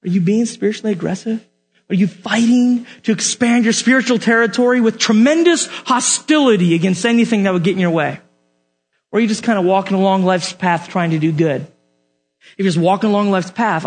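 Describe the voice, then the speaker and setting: A young man preaching a sermon, asking his listeners direct questions and telling animated stories with jokes. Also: high-pitched, brisk, soft background music. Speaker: youth pastor.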